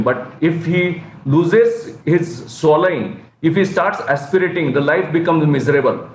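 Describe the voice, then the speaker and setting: Indian doctor lecturing in an echoey room. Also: male voice, fairly high pitch, slight background noise. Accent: Indian English. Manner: explanatory, with frequent fillers and restarts. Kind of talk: online medical lecture. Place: at home or in an office on a video call.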